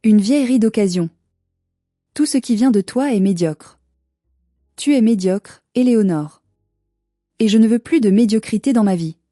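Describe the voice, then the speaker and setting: A woman's voice: mid-range voice, normal speed, long pauses, dark tone, no room sound, clean studio sound, soft background music, close to an everyday voice. A woman voicing a cold, cruel, haughty middle-aged mother who speaks in icy, clipped, cutting phrases. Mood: contemptuous.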